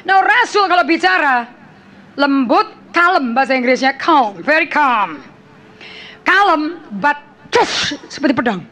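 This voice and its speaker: A woman preacher delivers a forceful sermon to a church congregation, dropping in English phrases and checking on her listeners. Her voice sits very high, with a bright, sharp edge. She speaks with insistent emphasis. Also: expressive, measured pace.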